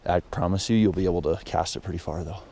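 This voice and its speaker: A man filming a casual fishing vlog outdoors by a mountain stream, talking excitedly to his viewers. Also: low voice, fast, creaky. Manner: excitable, talks straight to viewers. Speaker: fishing vlogger. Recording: outdoor footage with steady stream noise.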